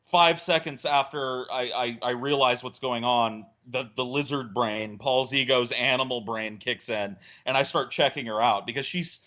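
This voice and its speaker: On a casual podcast, a man with a medium-pitched voice tells a crude, rambling comic story at a moderate pace with hardly any pauses. He brings it to life by acting out what people said, keeping the anecdote animated throughout.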